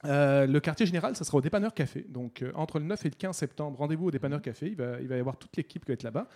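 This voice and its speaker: Chatty man, slightly high voice. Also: animated, darkish tone. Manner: halting, many restarts, chatty. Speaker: festival guest columnist. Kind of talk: casual radio chat.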